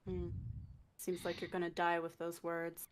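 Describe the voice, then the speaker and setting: A woman playing a tabletop role-playing game with a somewhat low voice. She earnestly questions how her spells work and whether her plans will succeed. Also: completely flat delivery, measured pace, slight background noise. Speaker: player. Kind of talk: tabletop role-play, asking rule questions.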